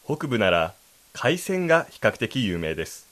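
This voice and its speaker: A man's voice: mid-range voice, sing-song, a little slow, a bit bright. A man co-hosting a language lesson, explaining and rephrasing lines in a polite, explanatory manner. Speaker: co-host.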